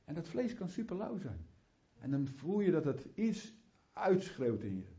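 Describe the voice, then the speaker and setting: Male preacher, fervent and chatty, slightly high voice with a mellow tone, muffled lo-fi recording. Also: wildly swooping pitch, unhurried. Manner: fervent, rising to prayerful fervor; chatty asides, restarts. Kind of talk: sermon. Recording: muffled lo-fi sound.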